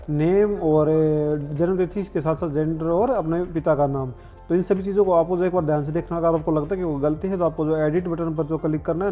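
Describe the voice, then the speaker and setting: A man with a slightly high, dark-toned voice presents an online form tutorial, walking through it step by step in an instructional way and repeating the same filler phrases.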